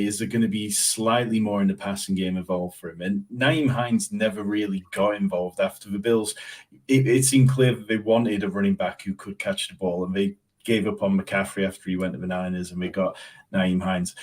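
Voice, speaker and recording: Male guest, upbeat and explanatory, slightly low voice. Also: a little mellow. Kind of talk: casual podcast chat.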